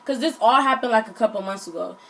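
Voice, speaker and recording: A young woman tells a casual storytime. She is slangy and animated, and she acts out the quotes. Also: a little high, fast talker, vocal fry, low-quality recording. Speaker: vlogger.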